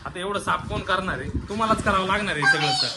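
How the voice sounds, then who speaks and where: A man's voice: high voice, wildly swooping pitch, quick pace, very noisy. A man filming a family vlog at home, talking to viewers and half-laughingly scolding his children. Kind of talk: casual family vlog narration. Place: at home, indoors.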